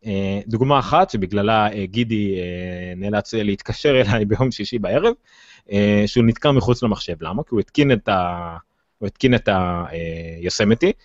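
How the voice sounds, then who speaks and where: A man with an Israeli accent hosting a casual tech discussion, speaking haltingly with many filled pauses. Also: lowish voice. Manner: hesitant, halting delivery with frequent filled pauses. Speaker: tech podcast host. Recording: dull, roomy, lo-fi sound.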